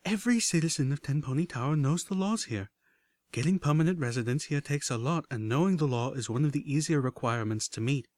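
A man's voice: fairly high pitch, animated, quick pace, darkish tone, no echo, voice pushed up, lightly acted. Man playing a firm unicorn mare, earnest, raised voice, dry close sound. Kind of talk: audiobook character voice.

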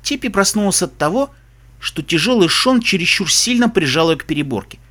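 A man's voice: high-pitched, lively intonation, a little fast, sharp tone. A man narrating a story aloud, telling it expressively. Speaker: audiobook narrator. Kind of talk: scripted narration.

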